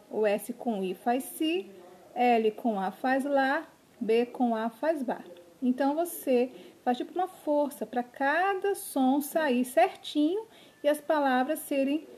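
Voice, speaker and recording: Lady teaching little kids over video, kinda high voice, goes real slow and keeps asking "ok?". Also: a little mellow. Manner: slow, spells out syllables, checks in with "tá?". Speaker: primary school teacher. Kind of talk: remote video lesson for children.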